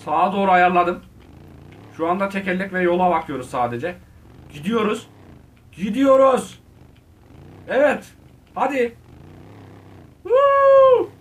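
A man giving casual, excitable commentary on his gameplay, talking straight to his viewers and shouting at the game. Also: high voice, normal speed, long pauses, recorded from a distance. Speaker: gaming video host.

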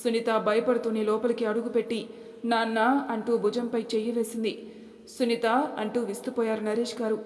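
A woman narrating a family story as an audiobook storyteller, in a steady, even manner. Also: a little high, fairly quick. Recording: echoey room, long reverb.

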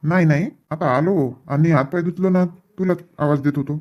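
A woman's voice: sits low, normal speed, muffled recording. A woman acting in a scripted family comedy sketch, asking coaxing, concerned questions.

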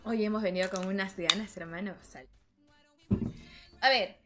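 A woman's voice: medium pitch, steady tone, normal speed, over loud music. A woman streaming a game live from home, chatting and teasing her viewers, often calling them brother. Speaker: gaming livestreamer. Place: home room with her cat nearby.

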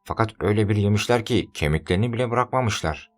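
A man's voice: lowish voice, quick pace, pitched above the performer's own voice, close to an everyday voice. Cowardly fool of a servant, whiny and spiteful, voiced by a male narrator in a raised register.

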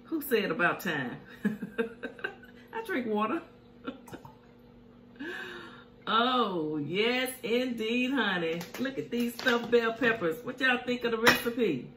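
Eating and humming over her food, a middle-aged mukbang host chats casually during her home cooking show, recorded indoors in her kitchen. Her voice is a little high and a bit bright, with lively intonation, a slow pace and long pauses. The room is echoey, with a faint hiss.

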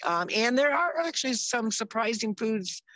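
A woman's voice: a little high, expressive, normal speed, a bit bright, dry recording, rough recording. Chatty woman co-host, dry sound. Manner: chatty, upbeat, loses her train of thought. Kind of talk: casual podcast chat. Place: outdoors in the mountains.

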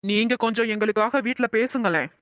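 A woman voicing a gentle young man in a cartoon, soothing and earnest. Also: on the high side, brisk, dry recording, lightly acted. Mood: worried.

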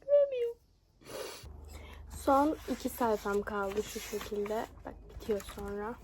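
A young woman chatting casually in a book vlog, animated and exclaiming, often laughing. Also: medium pitch, a little slow, background noise. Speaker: book vlogger.

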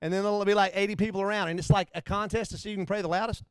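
A man preaching a conversational sermon, animated and joking, sometimes acting out bits in a low hushed voice. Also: racing, clean tone, no echo. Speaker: pastor.

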